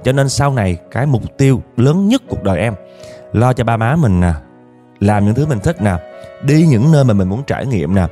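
A man's voice: mid-range voice, lively intonation, moderate pace, mellow, faint music behind. Confiding Southern Vietnamese male storyteller. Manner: chatty, confiding, addresses listeners. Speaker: storyteller reading a listener's story. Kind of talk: first-person story narration.

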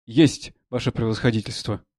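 A man's voice: medium pitch, fairly even intonation, normal speed, darkish tone, dry recording, pitched below the performer's own voice, natural voice. Dutiful soldier-servant in a read play, stiff clipped replies, voiced by a man, dry close sound. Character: deferential male military orderly.

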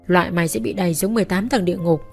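Enraged young wife, as a woman reads her, cursing through clenched teeth, lowish voice, faint music. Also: rapid-fire, vocal fry. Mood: furious. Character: furious young wife hurling insults.

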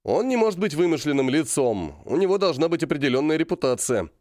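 A man's voice: a little high, big pitch swings, fast, darkish tone, dry recording, clean studio sound, pitched above the performer's own voice. A man doing a worried young clan ally. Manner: anxious, complaining.

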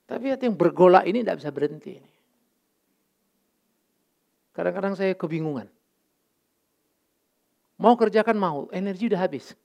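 A man's voice: fairly high pitch, creaky, darkish tone. A middle-aged male pastor giving a candid, emotional sermon, mixing English words into his talk.

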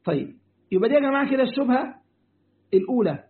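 Man, Egyptian Arabic accent, sheikh teaching a religious lesson, quick talker, repeats himself, tinny phone-like sound. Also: very high-pitched, very animated. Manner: talks to listeners directly, repeats points, answers questions. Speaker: sheikh teaching Quran commentary.

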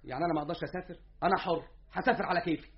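An actor playing a stubborn young student. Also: male voice, on the high side, very fast, natural voice. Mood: defiant. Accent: Egyptian Arabic. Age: young adult. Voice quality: heated and indignant. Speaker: younger brother. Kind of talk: Egyptian radio drama acting. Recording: dull lo-fi radio recording.

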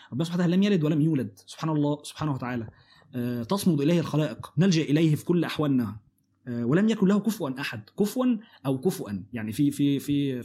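Fast-talking husky Egyptian man teaching. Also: on the high side, darkish tone. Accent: Egyptian Arabic. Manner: halting, many restarts and fillers. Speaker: Quran study teacher. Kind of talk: casual Quran lesson.

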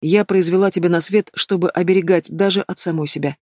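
A man's voice: high voice, steady tone, brisk, darkish tone, no room sound, studio quality. A man reading an audiobook voices a stern, cold noble mother who speaks curtly and gives orders. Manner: curt, commanding.

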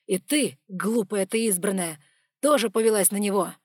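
A woman's voice: medium pitch, unhurried, slightly rough, dry recording, clean studio sound. A woman voicing a furious male dragon guard. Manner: loud, clipped, speaks through gritted teeth. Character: stern male dragon bodyguard, furious, commanding. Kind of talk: audiobook character voice.

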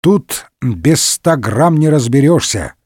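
A man's voice: mid-range voice, expressive, slow pace, warm tone, no echo, clean studio sound. A man voicing a clumsy, hard-drinking, hulking musketeer in a comic story. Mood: drawling.

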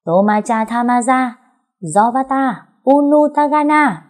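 A woman's voice: fairly low pitch, fairly quick, lightly acted. A woman voicing a brash, scheming young wife who bosses people around and mocks with fake chants. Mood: mock chanting. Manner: loud, bossy, fake chanting.

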